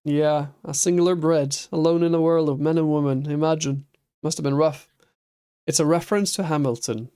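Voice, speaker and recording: Male streamer, slightly high voice, unhurried, chatty, laughs easily while building. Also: darkish tone. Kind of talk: casual chat while playing a building game.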